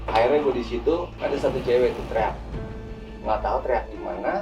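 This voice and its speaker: A man's voice: mid-range voice, a little fast. A young man casually telling a hiking story as a guest, rambling and repeating words, often calling the listener "Bang". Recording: distant mic with music behind.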